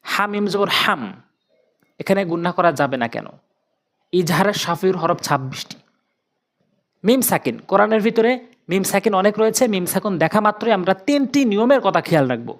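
A Quran recitation teacher giving a step-by-step tajweed lesson, spelling out letters and vowel marks syllable by syllable, then repeating the joined sounds slowly and drilling them again and again. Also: mid-range voice, animated. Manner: patient, repetitive drilling with questions and answers.

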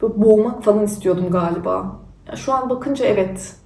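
A woman's voice: mid-range voice, brisk, warm tone. Young woman telling a story, roomy and distant. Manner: candid and self-mocking. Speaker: vlogger. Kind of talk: casual storytelling.

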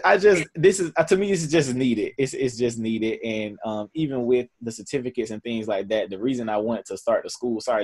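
This mellow, husky, medium-pitched voice belongs to a man in his twenties who founded a camp. In a conversational interview, he speaks earnestly with a Southern US accent, often restarting and using lots of fillers.

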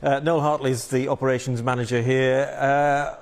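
A man's voice: medium pitch, little pitch movement, moderate pace. A man working as a TV news reporter, narrating a regional report and interviewing on location.

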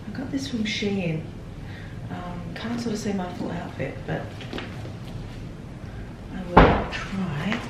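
A middle-aged woman giving a casual, chatty vlog update to camera. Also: mid-range voice. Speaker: vlogger. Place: indoors, hotel suite. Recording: clear background room noise.

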